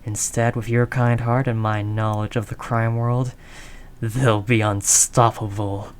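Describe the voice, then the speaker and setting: A woman playing a tough, doting mafia heiress girlfriend in an intimate audio roleplay, low-voiced, talking in affectionate slangy tough talk. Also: level tone, measured pace, clear, resonant tone. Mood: hopeful.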